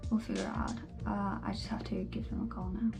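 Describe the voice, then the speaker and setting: A woman's voice: mid-range voice, little pitch movement, fast talker, vocal fry, over music. Lispy woman recovering from jaw surgery. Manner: candid, swears casually. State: swollen face, lispy after jaw surgery. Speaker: vlogger. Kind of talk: casual vlog chat. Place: home.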